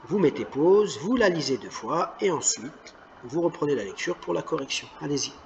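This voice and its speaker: A man leads a children's reading lesson in a lively, rather high voice, stressing each word slowly and clearly. He speaks patiently and encourages his young pupils. Faint hiss sits behind him. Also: dull audio. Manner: patient, encouraging teacher talk. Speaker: primary school teacher.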